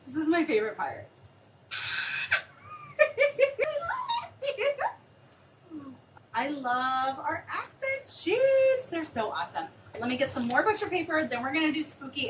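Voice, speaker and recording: A woman demonstrating a craft on a live stream, chatting excitably and thinking aloud as she works. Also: on the high side. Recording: distant mic with clear background noise.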